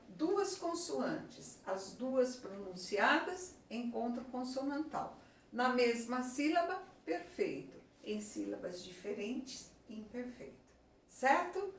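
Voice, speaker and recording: A woman teacher with a Brazilian Portuguese accent, giving a slow, deliberate lesson at a board and often checking in with her class. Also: mid-range voice, gravelly, slight background noise. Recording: echoey room from far off.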